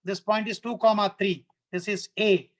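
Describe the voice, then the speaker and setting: A man's voice: sits high, fairly even intonation, normal speed, a bit bright. A man with a South Indian accent teaching a live online maths lesson, working step by step in a didactic, repetitive way and often checking understanding with short questions.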